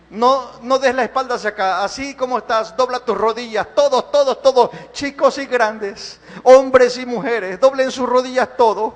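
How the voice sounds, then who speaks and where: A man pastor leading a congregation in fervent prayer, repeating calls and swelling and dropping his volume. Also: very high-pitched. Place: church sanctuary. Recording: long hall reverb.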